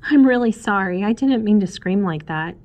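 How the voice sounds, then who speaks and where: A man voicing a young giant princess, a tender and anxious lover, speaking softly and breathily. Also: sits high, expressive, moderate pace, voice pushed up. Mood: shaken.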